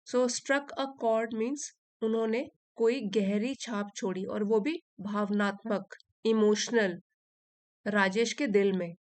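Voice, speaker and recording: A woman who teaches English, reading a passage slowly in careful phrases and explaining it in Hindi. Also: mid-range voice, fairly even intonation, a little mellow, no room sound. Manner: reads English lines slowly and deliberately, then translates and explains.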